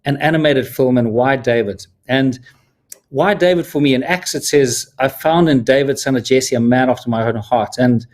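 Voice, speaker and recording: A man's voice: mid-range voice, normal speed, a little mellow. A man from Zimbabwe hosting a live stream as a film producer, talking in an earnest, heartfelt way with small restarts. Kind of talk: casual live-stream talk.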